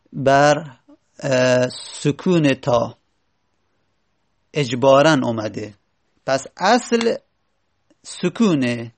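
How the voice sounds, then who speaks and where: Male teacher, somewhat high voice, patient and repetitive, stretches out the sounds of words as he lectures. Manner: patient, repeats and slowly drags out word forms. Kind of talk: grammar lesson.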